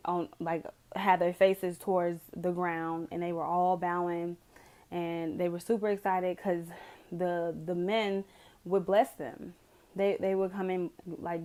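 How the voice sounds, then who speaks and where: A woman's voice: on the low side, darkish tone. A woman casually retelling a dream to camera, rambling with many "like"s and restarts. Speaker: video testimony speaker.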